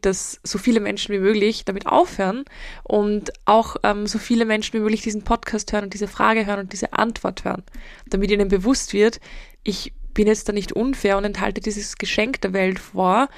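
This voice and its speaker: A woman's voice: medium pitch, creaky, dry recording, clean studio sound. A woman hosts a solo podcast, answering listener questions in a direct, emphatic, motivational way. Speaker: podcast host and mental coach.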